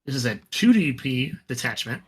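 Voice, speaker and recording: A man co-hosting a podcast, chatting casually about a tabletop wargame with a relaxed, rambling delivery full of fillers and restarts. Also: medium pitch, moderate pace. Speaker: podcast co-host.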